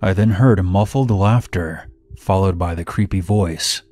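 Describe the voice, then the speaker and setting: Low-voiced man narrating a horror story. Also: a little slow. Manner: steady first-person storytelling. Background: faint music.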